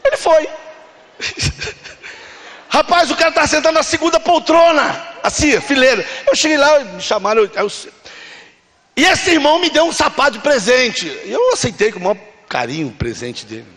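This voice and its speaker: A man with a Brazilian Portuguese accent preaching a sermon, moving from quiet storytelling to shouted, emotional appeals. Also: extremely high pitch, very animated, normal speed. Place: large church.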